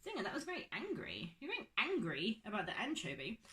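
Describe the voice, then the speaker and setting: A woman's voice: medium pitch, huge pitch swings, fast talker, bright, forceful tone. A young woman teaching a phonics lesson to children, patient and drawing out her words.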